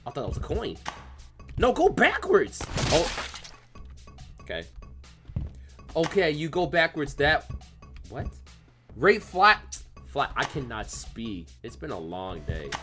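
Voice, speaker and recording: A man doing let's play commentary, excitable and yelling at the game. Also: fairly high pitch, slow, pauses often, soft background music. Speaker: gamer.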